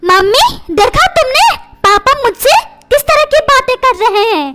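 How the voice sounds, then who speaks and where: A woman's voice: very high voice, expressive, measured pace, very noisy. A woman voicing a cheeky, whiny schoolboy son in a comic cartoon, tattling and talking back.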